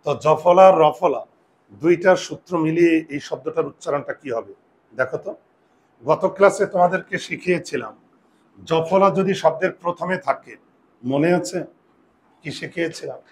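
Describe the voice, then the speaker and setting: A man's voice: a little high, moderate pace, long pauses, slight background noise. A man, a grammar teacher, explains pronunciation rules to his class and keeps asking them questions.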